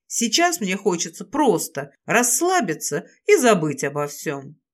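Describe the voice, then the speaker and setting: A woman voicing a possessive, domineering male serpent lord in an audiobook, speaking low and commanding. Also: big pitch swings, unhurried. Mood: dismissive.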